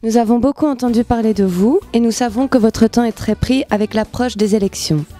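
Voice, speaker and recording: Woman interviewer, formal and polite; higher, warm voice, light music bed. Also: fairly quick.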